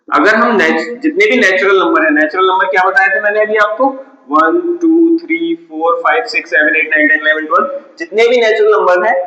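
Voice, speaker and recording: Man, math teacher, step-by-step explaining, slightly high voice, roomy reverb. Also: pushed and bright. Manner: explains step by step, asks and answers his own questions. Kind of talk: classroom math lesson. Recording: echoey room, dull lo-fi sound.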